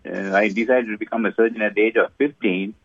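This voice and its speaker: A man's voice: on the low side, steady tone, fast talker, no echo. Older man from Sri Lanka on a tinny phone line. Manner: hesitant, many fillers. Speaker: guest surgeon. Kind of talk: interview answers.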